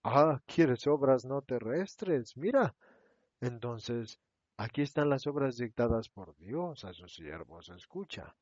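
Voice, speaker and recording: A wise old bearded king speaks slowly and solemnly, as a man reads him aloud. His pitch moves widely with feeling. The sound is dull and dry. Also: expressive, darkish tone, dry recording.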